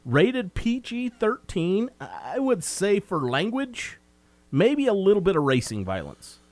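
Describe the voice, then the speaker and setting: A man's voice: sits high, wildly swooping pitch, slow pace, darkish tone, dry recording. A man co-hosting a casual film review chat, recapping the plot in a meandering, talkative way. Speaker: movie review co-host.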